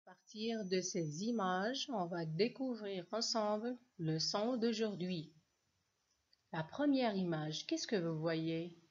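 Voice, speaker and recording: A woman's voice: medium pitch, lively intonation, slow pace. A woman teacher gives a reading lesson to children, patiently spelling out sounds and syllables. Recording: dull lo-fi recording.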